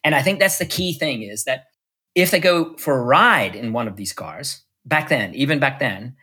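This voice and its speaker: An American man, an electric car executive, is the guest in a casual interview in Munich, telling stories full of restarts and fillers. His medium-pitched voice is expressive and bright, with a forceful tone and a breathy edge, and he talks at a normal speed.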